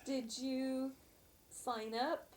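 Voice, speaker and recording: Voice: sits high, flat delivery, very slow. An interviewer asking short questions, heard faintly from a distance. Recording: faint, distant, background chatter.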